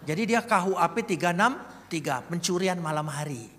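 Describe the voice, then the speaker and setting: A man preaching a sermon, telling a story in an animated way that swings between hushed asides and loud bursts. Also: on the high side, a little fast. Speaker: pastor. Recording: reverberant hall with faint noise.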